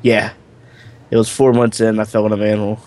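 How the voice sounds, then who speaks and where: A man's voice: on the low side, little pitch movement, fairly quick, a little mellow. A man on a casual podcast with a dry, teasing sense of humor. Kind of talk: casual chat.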